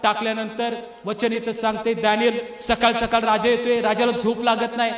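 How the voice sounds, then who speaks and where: Male pastor, impassioned sermon, very high voice, long hall reverb. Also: monotone, normal speed. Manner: impassioned preaching, often rising to shouts.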